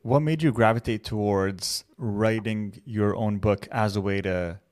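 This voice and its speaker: A man's voice: fairly low pitch, a little slow, a little mellow. A man hosting an interview, probing with long, rambling questions in a conversational way. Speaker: podcast host.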